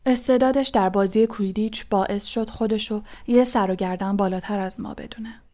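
A spiteful, thin male schoolmaster played by a woman reader hisses his taunts in a low, unvoiced whisper. The menace is kept soft and close, never raised, in a storybook audiobook reading. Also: lightly acted.

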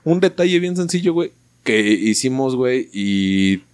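A man with a Mexican accent in casual podcast chat, talking with heavy slang, swearing and animated asides. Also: medium pitch, moderate pace, clear, resonant tone. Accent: Mexican Spanish.

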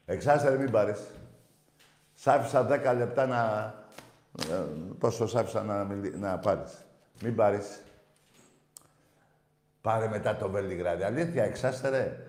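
A man's voice: on the low side, pauses often, a little mellow, echoey room. Brash, profane man hosting a call-in. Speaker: call-in show host. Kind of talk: casual phone-in talk.

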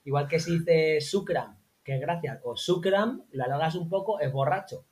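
Man, interview guest, lively anecdote teller in relaxed chat. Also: normal speed. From Spain. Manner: animated anecdotes, acts out quotes in high voices. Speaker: interview guest, former teacher in Morocco. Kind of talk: casual conversational storytelling.

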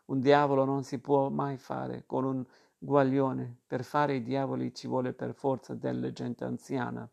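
Superstitious serious woman read by a man, gravelly flat delivery, storybook reading. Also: mid-range voice, a little slow. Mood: earnest. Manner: grave, insistent reasoning. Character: earnest superstitious woman of the household.

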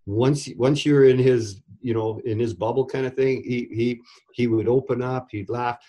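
A former goalie coach, now middle-aged, rambles through anecdotes in a casual interview at normal speed. His medium-pitched voice is dark in tone with fairly even intonation. Words get repeated as he begins sentences again.

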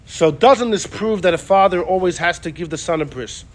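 In an informal Torah class, a man with a strikingly high voice speaks at a normal pace. He's lively, repeats his points, and acts out the people he quotes along the way.

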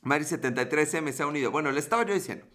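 A man's voice: a little high, animated, rapid-fire, a bit bright. Joking Mexican man in his thirties. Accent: Mexican Spanish. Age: 30s. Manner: joking, playful, chatty storytelling. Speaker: livestream host. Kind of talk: casual livestream chat reading comments.

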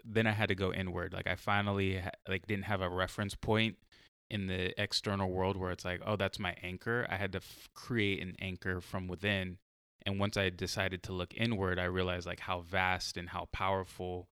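A man hosting a podcast in a very deep, resonant voice, recorded dry and close. He asks long, reflective questions, rambling a little and filling them with "like" as he works out his thought. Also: level tone, moderate pace, fairly bright tone, smooth, no room sound. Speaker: podcast host. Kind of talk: casual podcast interview.

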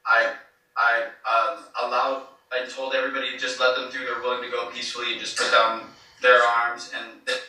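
Man on a low-quality, echoey streamed clip. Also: completely flat delivery, a little fast, pushed and bright, distant mic. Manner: hesitant, many fillers and restarts. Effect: low-quality streamed clip audio. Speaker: eyewitness being interviewed. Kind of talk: casual spoken account.

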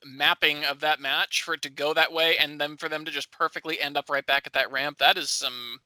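Bright-voiced man, wry podcast co-host. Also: a little high, fairly even intonation, brisk. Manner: wry, sarcastic, laughs often. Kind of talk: casual chat.

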